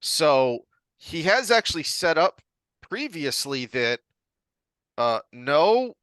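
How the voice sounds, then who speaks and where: A man speaks slowly in a bright, forceful tone, halting and searching for words. He sounds like a podcast co-host in easy chat. The sound is dry and close. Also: on the high side, very animated, clear, resonant tone, no echo. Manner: thoughtful, halting with many ums and restarts. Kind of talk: casual chat.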